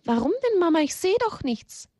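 A woman's voice: very high-pitched, big pitch swings, normal speed, mellow, no room sound, clean studio sound, pitched above the performer's own voice. A woman voicing a small, timid young animal boy in a children's storybook, pleading and tearful.

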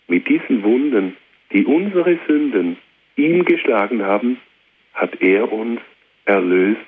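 A man's voice: mid-range voice, breathy edge. A man preaching a fervent radio sermon, repeating phrases and appealing directly to his listeners. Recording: tinny phone-like radio with hiss.

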